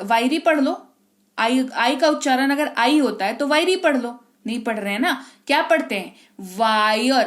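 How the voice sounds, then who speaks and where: A woman teaching an English pronunciation class, drawing out example words slowly and quizzing her students with questions back to them. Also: high voice. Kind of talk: spoken phonics lesson.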